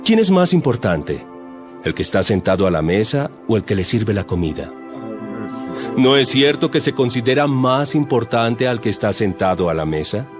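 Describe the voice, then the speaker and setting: Jesus, a solemn low-voiced teacher. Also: male voice, big pitch swings. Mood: solemn, instructive. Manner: solemn, measured, earnest. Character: Jesus, calm solemn teacher addressing his disciples. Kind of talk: dramatized audio Bible acting. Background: music.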